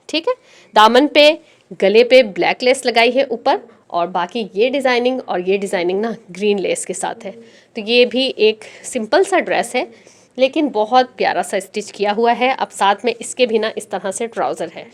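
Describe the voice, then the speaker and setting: A woman hosting a stitching tutorial, chatting directly to her viewers as she walks step by step through dress design details. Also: medium pitch. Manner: explains garment details step by step. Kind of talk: casual dress design walkthrough.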